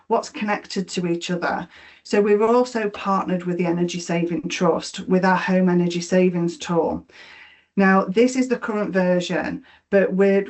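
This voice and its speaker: Speaking in a flat, low voice, a Yorkshire woman presents a webinar for a mortgage lender. Her explanations are peppered with fillers and repeated words.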